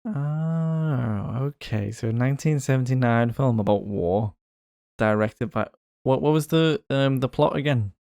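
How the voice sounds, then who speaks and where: A man's voice: mid-range voice, a little slow, vocal fry, dark tone, no room sound, studio quality. A man co-hosting a casual podcast chat, guessing aloud in a playful way with lots of hesitation. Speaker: podcast co-host.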